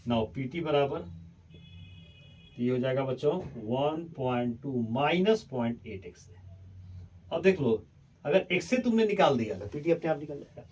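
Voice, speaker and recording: This chemistry teacher's voice is medium-pitched, darkish, and breathy-edged, with lively intonation, an unhurried pace, and long pauses. Working through problems on the blackboard, he coaxes his students, addressing them as children and repeating points. He moves off-mic as he writes, so his voice fades in and out, sounding distant over faint room noise.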